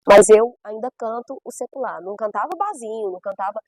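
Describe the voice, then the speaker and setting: A woman's voice: medium pitch, fast, a little mellow, no room sound, rough recording. A middle-aged woman from Brazil's Northeast, a gospel singer giving her testimony in an emphatic, storytelling way with repeated phrases. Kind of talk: personal testimony.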